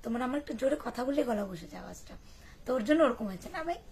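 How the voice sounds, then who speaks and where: Hoarse chatty young woman vlogger. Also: fairly high pitch, lively intonation, very fast, darkish tone, slight background noise. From West Bengal, India. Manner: chatty, rambling, many fillers. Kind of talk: casual chat to camera.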